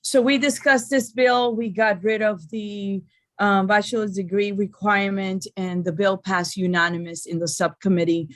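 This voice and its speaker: Legislator: woman, medium pitch, procedural committee reporting, very little room echo. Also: fairly even intonation, normal speed.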